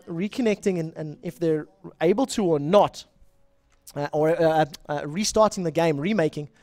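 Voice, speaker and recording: A young South African-accented esports shoutcaster calls a live online game, rambling chattily, correcting himself, and greeting viewers from the chat. His voice is high-pitched and a little mellow, with studio quality and no room sound.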